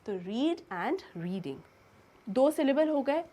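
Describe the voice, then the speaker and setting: A woman's voice: high-pitched, sing-song, slow pace, warm tone. A woman teacher giving a grammar lesson, asking her students questions and answering them herself.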